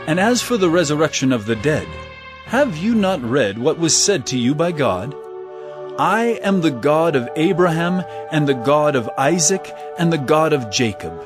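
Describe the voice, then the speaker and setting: An actor playing Jesus as an authoritative teacher in a dramatized scripture production, speaking emphatically. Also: male voice, fairly high pitch, very animated, normal speed, music in the background. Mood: authoritative teaching. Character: Jesus, an authoritative male teacher telling parables.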